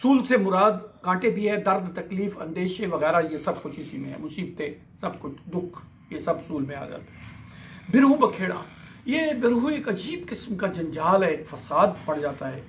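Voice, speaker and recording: A man's voice: sits high, animated, normal speed, slight background noise. A man explaining a classical Sufi poem line by line, reciting each verse and then glossing its words. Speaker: poetry commentator.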